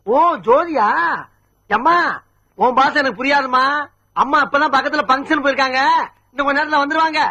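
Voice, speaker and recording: A man's voice: extremely high pitch, dull audio. An actor playing a fussy middle-aged man in a film comedy, grumbling and exclaiming in exasperation. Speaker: comic film character. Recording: film soundtrack with loud music.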